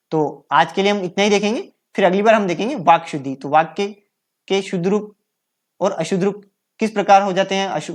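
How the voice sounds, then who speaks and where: A Hindi grammar teacher giving a lesson, patiently repeating each correct form and asking and answering their own questions. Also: medium pitch. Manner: frequent self-corrections and trailing "है ना" checks. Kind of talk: recorded online grammar lesson.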